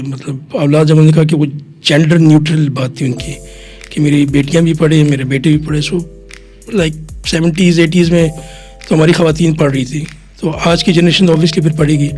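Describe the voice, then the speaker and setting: A middle-aged chartered accountant from Quetta, Pakistan, is a guest on a podcast interview, explaining things at length. He mixes English phrases into his Urdu and often says "theek hai." His voice is on the high side with a darkish tone.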